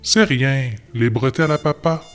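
A sly little boy giving quick, innocent-sounding answers, as a man reads him in a recited story. The voice stays low and plain, with a guitar faint underneath. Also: a bit bright, natural voice. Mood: evasive.

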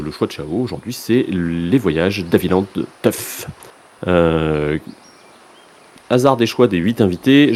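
A man's voice: sits low, a little mellow, a little hiss or hum. A man hosting a podcast in casual chat, hesitant, with many filler sounds and restarts. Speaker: podcast host.

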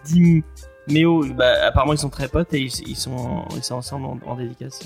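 A man's voice: medium pitch, steady tone, brisk, gravelly, a little mellow, faint music behind. Chatty man hosting a podcast. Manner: loose and chatty, trailing off. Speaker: podcast host. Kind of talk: casual podcast chat.

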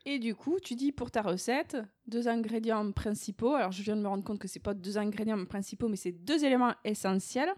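A woman's voice: medium pitch, a little fast, hardly any pauses, darkish tone. A woman co-hosting a casual podcast, playfully explaining a quote with asides. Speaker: podcast co-host. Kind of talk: casual banter.

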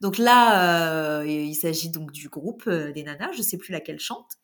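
A woman's voice: low voice, lively intonation, moderate pace. Woman co-host, light and teasing, laughs through her lines in a casual chat. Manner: playful, giggly, joking asides. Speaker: podcast co-host.

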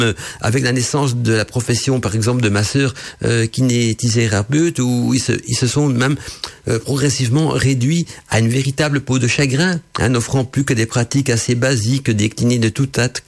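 Nasal, congested male radio host. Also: mid-range voice. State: stuffed-up with a cold, slightly hoarse. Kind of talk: esoteric radio talk.

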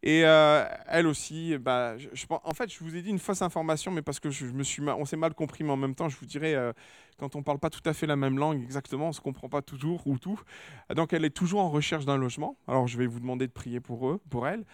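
A man leads a church service, making announcements to the congregation in a slightly raised voice. He is warm but halting, full of fillers and restarts. The sound is dry and close. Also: a little high, no room sound. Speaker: pastor. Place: church hall.

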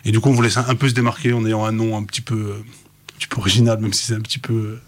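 A man's voice: lowish voice, level tone. A man who works as a voice actor, chatting in an interview and telling stories with enthusiasm. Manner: rapid, enthusiastic storytelling. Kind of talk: casual interview chat.

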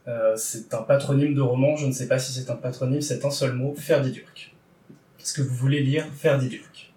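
A man's voice: mid-range voice, fairly even intonation, normal speed, warm tone, recorded from a distance. A man hosting a podcast segment, talking in a playful, wordy, teasing way. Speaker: podcast host running a book draw. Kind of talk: casual podcast chat. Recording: roomy, a little off-mic.

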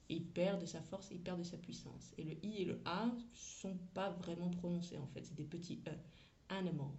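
A woman's voice: on the low side, warm tone, muffled recording, slight background noise. A woman who teaches English, talking through a lesson in a chatty, frank way with slang and asides. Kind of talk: casual teaching monologue.

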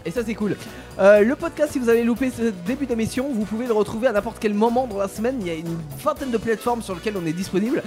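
A man's voice: high-pitched, fast talker, few pauses, over music. A young man hosting an evening radio show, joking with his co-hosts and talking to the listeners. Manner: jokey, laughs often, talks to listeners. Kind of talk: lively studio banter. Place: radio studio.

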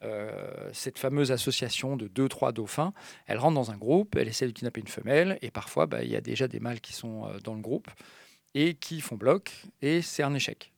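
A man with a gravelly, fry-tinged voice explains animal behavior as a guest on a science radio interview. He talks in a lively way, often breaking off and restarting phrases. The sound is dry and close. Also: mid-range voice, a little fast, no room sound. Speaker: expert guest.

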